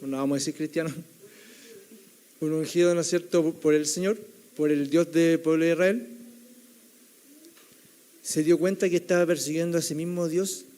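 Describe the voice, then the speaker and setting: Mellow-voiced young preacher. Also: male voice, a little high, steady tone, moderate pace, pauses often. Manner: keeps adding the tag question "right?", storytelling tone. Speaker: theology student preaching. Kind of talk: sermon.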